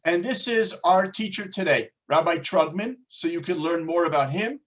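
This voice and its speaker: A man with a New York accent opens an online class. His voice sits a little high, and his delivery is friendly and chatty. He jokes easily as he hands over to the teacher. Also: normal speed. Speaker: host introducing a teacher.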